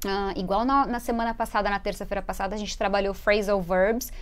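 A woman from Brazil hosting a live online English lesson, explaining words in a lively way and getting viewers to repeat after her. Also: medium pitch, a little fast. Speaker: English teacher and show host.

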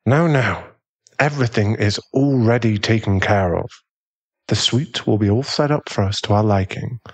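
In a soothing ASMR boyfriend roleplay, a British man plays a tender, protective aristocratic werewolf fiancé. His husky, genteel voice is lowish and moves at a normal speed, with a reassuring, caring mood.

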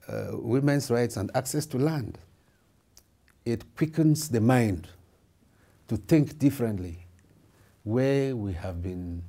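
A man's voice: medium pitch, gravelly, dark tone. A middle-aged man from Cameroon, a lawmaker and lawyer, giving formal, reflective interview answers with frequent hesitations in an indoor office. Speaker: member of parliament and lawyer. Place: indoor office with wood paneling.

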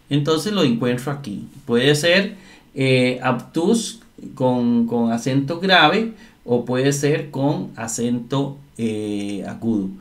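Male teacher, unhurried delivery, repeats key terms, walks through grammar step by step. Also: mid-range voice. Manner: slow, explanatory, repeats words and asks "¿verdad?". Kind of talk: screen-share grammar lesson.

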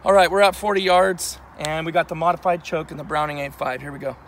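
A man in his thirties talks through his results in a plain, matter-of-fact way, his voice sitting a little high. He stands on an open-air range with the camera set back from him, and faint outdoor noise runs underneath. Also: steady tone, fast talker, a bit bright. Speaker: channel host. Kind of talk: casual outdoor gear review. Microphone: camera mic at a distance.

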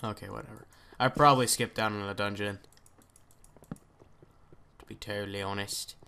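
A man's voice: on the low side, steady tone, normal speed, gravelly, bright, forceful tone, a little hiss or hum. A man hosting a gaming video, chatting casually and thinking aloud as he plays, often trailing off into mutters. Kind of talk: let's play commentary.

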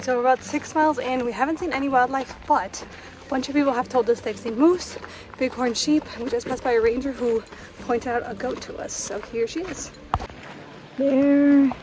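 Vlogging on a mountain trail with her phone at arm's length, a woman in her twenties chats casually in a high voice at a moderate pace, laughing often.

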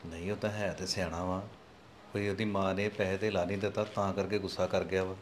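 Man playing a low-voiced coaxing father. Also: flat delivery, brisk, slight background noise, lightly acted. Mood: scheming. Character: scheming soft-spoken village father, middle-aged. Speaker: actor. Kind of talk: family drama skit.

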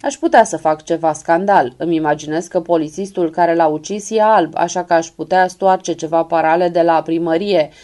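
Audiobook: woman voicing a hoarse, blunt middle-aged male lawyer, dark mellow read. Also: fairly low pitch, steady tone, few pauses, natural voice.

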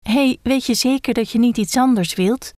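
A woman's voice: on the high side, normal speed, darkish tone, no echo, clean studio sound, close to an everyday voice. A woman voicing a timid male gecko who hedges and doubts as he gives away a wish. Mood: doubtful. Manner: hesitant, hedging, fussy.

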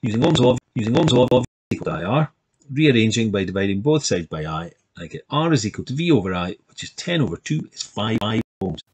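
Male teacher, low husky voice, choppy recording that speeds up and slows down. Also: animated, darkish tone, rough recording. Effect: choppy recorded audio that keeps speeding up and slowing down. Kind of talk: explaining a physics problem to a class.

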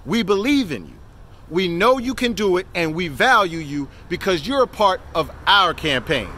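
A man hosting a fitness campaign, giving a motivational address in a loud drill-sergeant style, recorded outdoors. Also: high voice, very animated, moderate pace, a little hiss or hum.

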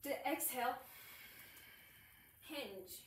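A young woman's slightly high voice echoes through a small indoor room with curtains and a yoga mat, captured from across the room by a camera. With lively intonation and drawn-out words, she explains while demonstrating poses and cues each breath. Slight background noise runs underneath.

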